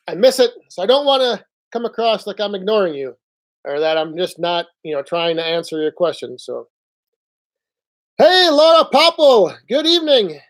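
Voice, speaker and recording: A man hosting a casual live stream from home on his phone, rambling along in a relaxed way and reading out viewer chat. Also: high voice. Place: indoors at home.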